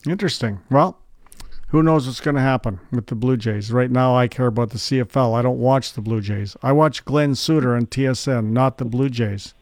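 A man's voice: medium pitch, moderate pace, darkish tone, dry recording, studio quality. A man hosting a sports radio show, chatty and teasing, tossing questions to his guest. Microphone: studio microphone.

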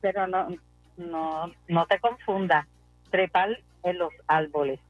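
A woman's voice: lowish voice, steady tone, slow, no room sound. A woman calling into a radio show, cheerful with brief answers. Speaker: caller. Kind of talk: phone call to a radio show. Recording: tinny phone line with faint music.

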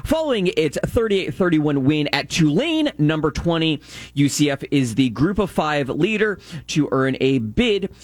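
Guy on a sports show reading game scores, higher voice that bounces around, dry studio sound. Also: big pitch swings, dry recording. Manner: reads scores briskly, banters with co-host. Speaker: sports radio co-host reading news. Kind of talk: sports talk and news reading.

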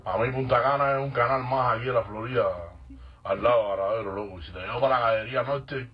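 Male radio caller, very husky voice, excited street slang; dull phone line. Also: mid-range voice, fast. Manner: enthusiastic, slangy, calls people bro and loco. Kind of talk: phone-in call.

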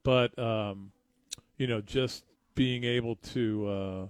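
A man co-hosting casual live radio, rambling and often repeating himself haltingly. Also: medium pitch, fairly even intonation, clear, resonant tone, dry recording, studio quality. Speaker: radio co-host.

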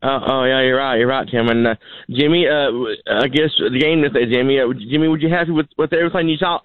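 A man's voice: medium pitch, fast, dry recording. A male radio show caller, heard over a phone line, who halts and repeats his words often. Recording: tinny dry phone line.

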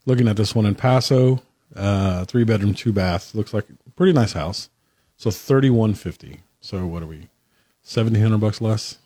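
Dark husky man on a dry mic. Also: fairly low pitch, normal speed, dry recording. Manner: looks up listings and reads prices aloud. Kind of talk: casual podcast discussion.

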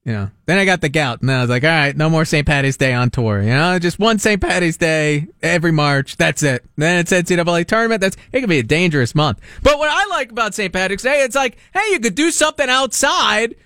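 New guy, sports radio host, high-pitched and very lively, joking banter, dry studio sound. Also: fast talker, hardly any pauses, no room sound. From Long Island, New York. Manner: animated, joking, riffs and repeats himself. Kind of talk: casual sports talk banter.

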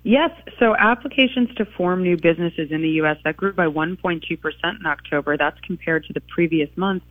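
A man's voice: on the high side, dry recording. Male reporter on a tinny phone line. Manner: brisk, informative. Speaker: network radio reporter. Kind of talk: news report.

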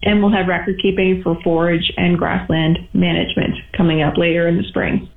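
A woman's voice: fairly low pitch, little pitch movement, a little fast, vocal fry. A woman giving information in a radio interview as an industry representative. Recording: echoey, tinny phone line.

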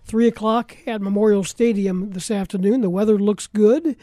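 A man hosting a sports radio talk show, with a loud, compressed broadcast delivery, briskly rattling off schedules and scores like an announcer from a studio microphone. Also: sits high, no echo. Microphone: close studio microphone.

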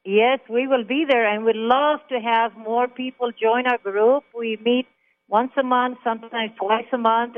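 A woman from Israel, calling in to a talk radio show and telling her story in an emphatic, chatty way. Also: a little high. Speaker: caller. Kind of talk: phone interview on talk radio. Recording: tinny phone line.

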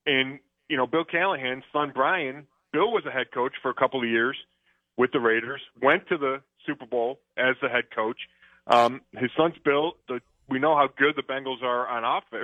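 A man's voice: mid-range voice, no echo. A man discussing football on sports radio, talking conversationally with plenty of fillers and restarts. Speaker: football analyst. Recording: dry phone-line audio.

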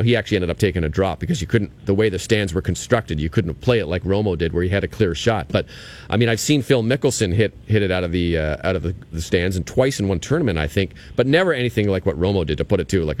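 A man co-hosting a golf talk show, telling anecdotes in a casual, conversational sports-talk style. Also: on the low side.

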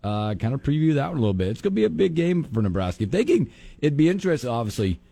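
A man's voice: medium pitch, very animated, racing, gravelly, dark tone. A man hosting a radio sports talk show in a joking, playful way. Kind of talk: casual radio chat.

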